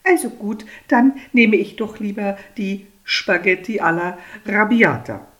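A woman's voice: mid-range voice, a little slow, pitched above the performer's own voice, natural voice. A woman doing a piqued young woman on a date. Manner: sharp, rising, piqued replies.

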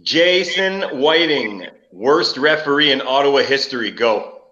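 A man's voice: mid-range voice, lively intonation, sharp tone. A man hosting a casual chat, his voice sounding like he is in a cave, recorded on an old laptop mic in a basement. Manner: brisk, jokey, runs the segments. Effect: cave-like echo from a basement laptop mic. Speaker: podcast host. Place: basement room. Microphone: old laptop built-in mic. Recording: echoey, dull lo-fi laptop mic.

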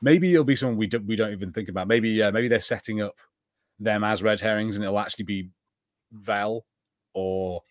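On a casual TV review podcast, this co-host thinks aloud tentatively as he chats. He speaks at a moderate pace in a lowish voice, recorded cleanly in a studio with no room sound.

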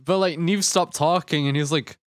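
A young man co-hosting a podcast, mock-serious and halting, full of fillers. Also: a little high, heavy background noise. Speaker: podcast co-host. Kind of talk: casual chat.

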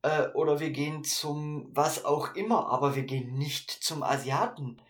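A man's voice: on the high side, moderate pace, fairly bright tone. A man co-hosting a casual podcast, thinking aloud with frequent fillers and restarts. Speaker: podcast co-host.

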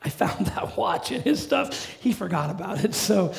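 A middle-aged male pastor preaching a sermon in a conversational, animated way with humorous asides. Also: high voice, moderate pace, gravelly.

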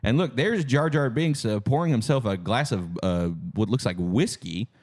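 A man co-hosting a comedy podcast, presenting a mock-serious conspiracy theory with rising excitement. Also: medium pitch, normal speed. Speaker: podcast co-host.

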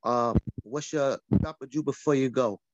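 A man hosting a podcast, announcing milestones and thanking guests in a brisk casual way. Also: medium pitch, dry recording, lo-fi sound. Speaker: podcast host.

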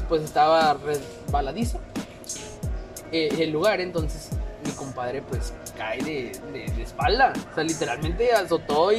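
A man with a Mexican Spanish accent telling a rowdy anecdote in casual, swearing chat, loudly acting out what people said. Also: fairly high pitch. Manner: animated, swearing, acts out quotes loudly. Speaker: podcast co-host telling an anecdote. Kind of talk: casual storytelling among friends.

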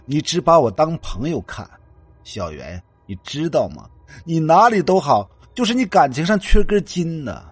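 A man voicing a jealous, obsessive young man in a spoken ghost story, shouting in a raised voice. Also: sing-song, normal speed, slightly rough, no echo, faint music behind. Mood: bitter, obsessed. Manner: shouting, raised pitch, laughing madly.

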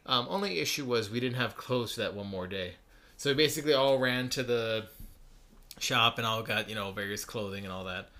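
A man's voice: medium pitch, fairly quick, bright, forceful tone. A young man co-hosting a casual couples podcast, joking and telling rambling stories. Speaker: podcast co-host.

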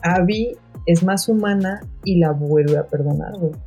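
A woman's voice: fairly low pitch, unhurried, mellow, muffled recording, soft background music. A Mexican woman chatting casually and opinionatedly about a video game, with plenty of slang and swearing.

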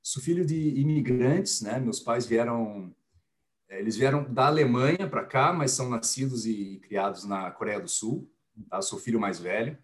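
A man in his forties with a Curitiba Brazilian Portuguese accent talks in a relaxed, friendly way as a podcast guest. His voice sits at a middle pitch, and he speaks in a loose, chatty manner. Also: normal speed. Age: 40s. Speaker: podcast guest, business executive. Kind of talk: casual podcast chat.

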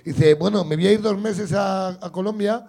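A man with a gravelly, husky voice, telling a comic story in casual chat and acting out the voices in it. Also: sits high, moderate pace. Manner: animated, acts out voices in his anecdotes. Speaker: comedian host.

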